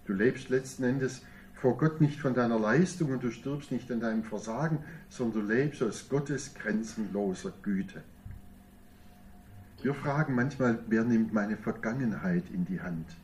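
A man delivering a sermon as pastor, in measured preaching with emphatic rising peaks. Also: mid-range voice, darkish tone, far from the mic, slight background noise.

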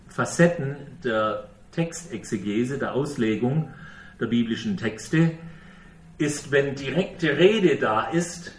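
Guy preaching real slow, leans hard on words, sounds a bit far off the mic. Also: mid-range voice. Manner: slow, emphatic preaching with questions and quoted speech. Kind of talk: sermon. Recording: echoey room, voice from away from the mic.

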